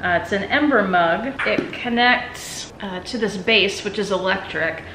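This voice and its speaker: In a spacious room at home, a woman vlogs and chats informally as presents are unwrapped. She speaks at medium pitch and a measured pace, with roomy echo and noticeable background noise in the audio.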